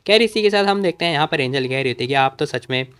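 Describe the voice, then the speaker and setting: A man's voice: on the high side, expressive, very fast, a bit bright, clean tone. A man casually recapping a comic story, chatty, calling his listeners brother.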